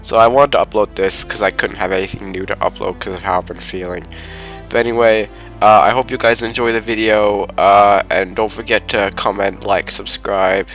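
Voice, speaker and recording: A man's voice: fairly low pitch, a bit bright. A man with a stuffy, congested voice, recovering from a fever, giving a casual and hesitant channel update. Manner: casual, hesitant with many uhs. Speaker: YouTube game reviewer.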